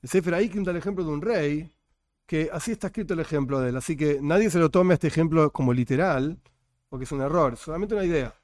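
A man's voice: on the high side, quick pace, a little mellow, dry recording, studio quality. A man teaching a religion class, full of rhetorical questions and jokey asides. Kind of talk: classroom lecture.

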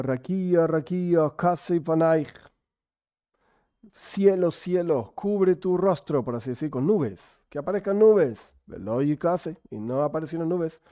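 A man teaching a Talmud study class. He reads the Aramaic slowly and then explains it casually. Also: a little high, mellow, no room sound, clean studio sound.

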